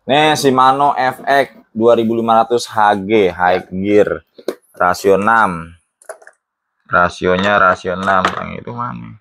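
Man, low voice, casual sales chat, faint background noise. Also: measured pace, creaky. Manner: chatty, repeats prices, casual Jakarta slang. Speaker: fishing tackle seller.

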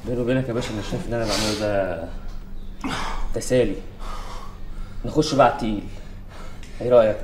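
A man's voice: fairly low pitch, rapid-fire, long pauses, background noise, close to an everyday voice. A man playing a mocking, defiant young Egyptian man. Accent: Egyptian Arabic. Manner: taunting, mocking. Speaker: prisoner taunting a police officer. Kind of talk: film acting. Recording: film soundtrack with loud music.

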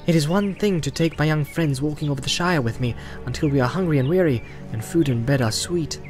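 A man voicing an earnest, troubled young male hobbit in an audiobook, speaking in a thoughtful, measured and gently firm way. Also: on the high side, soft background music, natural voice. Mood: grave, earnest. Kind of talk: audiobook character voice.

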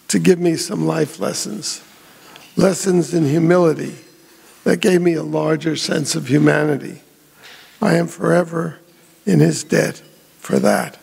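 Older man, gravelly and fairly high, measured memorial speech with hall reverb. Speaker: memorial speaker. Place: hotel ballroom.

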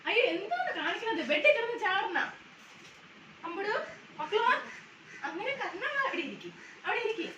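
A woman's voice: very high-pitched, big pitch swings, moderate pace, pauses often, pushed and bright, highs cut off. A woman playing a mother in a home skit, coaxing and scolding her little ones in sing-song baby talk. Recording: echoey room, distant mic, noisy background.

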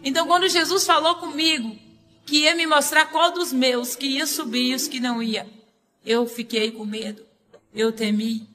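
A woman's voice: high-pitched, fairly even intonation, normal speed, sharp tone, a little hiss or hum. A woman giving an earnest, tearful religious testimony as a missionary. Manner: earnest, tearful, dramatic storytelling.

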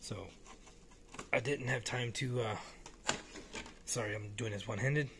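A man casually talking through a hobby model car while filming it one-handed at home, relaxed and rambling with frequent restarts. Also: mid-range voice, a little slow, background noise. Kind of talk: casual off-the-cuff vlog. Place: small indoor room at home.

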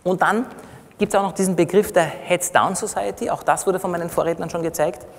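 A middle-aged physician, Austrian but born in Iran, lectures on stage in a large congress hall, and the recording echoes through the big space. His gravelly, fairly high voice moves fairly quickly with fairly even intonation and an Austrian accent. He explains things plainly and conversationally, checking in with short tag questions.

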